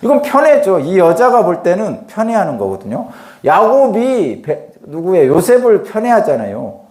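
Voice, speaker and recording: A man's voice: high-pitched, darkish tone, reverberant. A middle-aged male pastor preaching a dawn sermon in a conversational way. He acts out dialogue and asks rhetorical questions.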